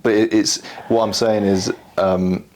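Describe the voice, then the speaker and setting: A man's voice: fairly low pitch, little pitch movement, unhurried, darkish tone. A man asking questions in a casual interview, interested and affirming. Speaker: interviewer, grandchild.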